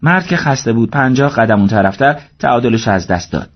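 A man narrating an audiobook story in a steady, measured reading voice, in a dull lo-fi recording. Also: medium pitch, breathy edge.

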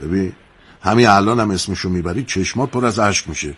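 A man's voice: deep voice, a bit bright, breathy edge. An actor playing a sentimental middle-aged innkeeper who lectures two feuding brothers with fatherly sayings, in a TV drama. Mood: soothing. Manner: fatherly, moralizing, quotes sayings. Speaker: guesthouse host mediating between feuding brothers. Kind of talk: television drama acting.

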